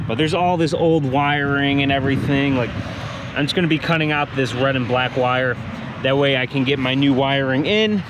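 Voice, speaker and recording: This male DIY host uses an ordinary mid pitch and normal speed, thinking aloud informally as he works alongside a vehicle outside in daylight. His casual tutorial narration is captured by a nearby action camera, with noticeable outdoor noise.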